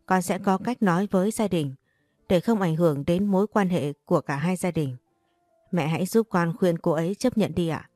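A calm young husband who stays firm and quietly resolute, read by a woman in her own lowish voice. The recording is dry and close, with faint music underneath. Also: moderate pace, no room sound, natural voice.

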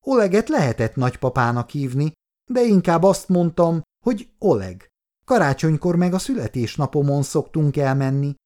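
A man voicing an eager, chatty little girl in an audiobook reading, with a high childlike voice. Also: very animated, a little mellow.

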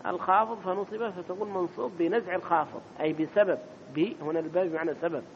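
A man's voice: steady tone, fast talker. A man giving a grammar lesson in a mosque, repeating key terms and quizzing his listeners with short questions. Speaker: teacher of Arabic grammar. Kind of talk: classroom lecture explaining grammar. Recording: dull lo-fi recording with faint rumble.

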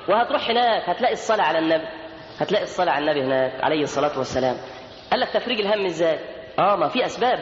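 A man's voice: high voice, a bit bright, slight background noise. A man with an Egyptian Arabic accent preaching a sermon in an emphatic way, sometimes chanting lines of verse. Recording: echoey lo-fi hall recording.

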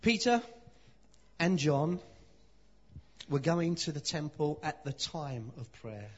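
A man from London with a London accent, preaching as a guest and pausing after short phrases for his interpreter. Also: fairly high pitch, breathy edge, muffled recording. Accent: London English. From London, England. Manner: lively, pauses for interpreter, speaks in short phrases. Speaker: visiting preacher. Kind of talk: sermon with live interpretation.

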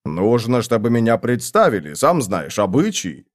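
A man's voice: medium pitch, big pitch swings, moderate pace, close to an everyday voice. A man voicing a rude, cocky tiny male fairy messenger who snaps out insults. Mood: huffy. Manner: snappy, insulting.

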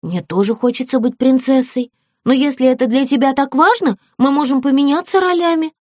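A woman voicing a gentle, meek girl doll in a storybook, soft and yielding. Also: high-pitched, fairly quick, no room sound, studio quality, pitched above the performer's own voice.

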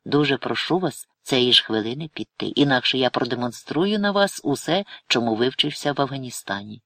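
A stern, calm male artist from an audiobook, voiced by a male reader close to his own gravelly tone. He speaks firmly and evenly, never yielding. Dry, close recording. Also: mid-range voice, fairly quick, no echo. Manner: calm, firm, clipped. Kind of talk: audiobook character voice.

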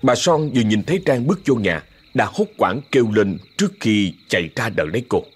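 A man narrating a ghost story in a dramatic, expressive way. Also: mid-range voice, a little fast, breathy edge, soft background music.

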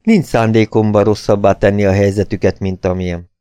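A man's voice: fairly low pitch, little pitch movement, dark tone, clear, resonant tone, no room sound, studio quality, close to an everyday voice. A man voicing a stern, curt male plantation manager who speaks in a cold, businesslike way.

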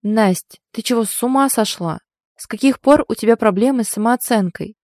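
A woman voicing an excitable teasing girlfriend. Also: moderate pace, no echo, clean studio sound, close to an everyday voice. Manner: loud, high and exclamatory. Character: teasing, excitable young woman best friend. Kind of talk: audiobook character voice.

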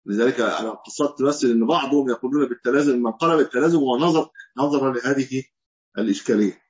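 Fast-talking Egyptian man teaching. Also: mid-range voice, a little mellow, highs cut off. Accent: Egyptian Arabic. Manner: reasons aloud, posing and answering his own questions. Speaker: Islamic scholar teaching hadith. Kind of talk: religious lesson.

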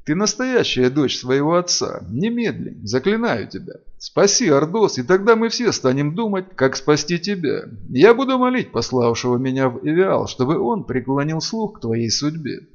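Casting: earnest elf temple keeper, soft pleading tone, high animated voice, read by a man. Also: normal speed, few pauses, dull audio. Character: gentle solemn elf woman, temple keeper.

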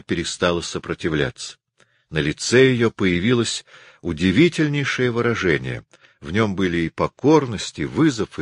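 A man narrating a novel as an audiobook, measured and expressive. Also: deep voice, husky, no room sound, studio quality.

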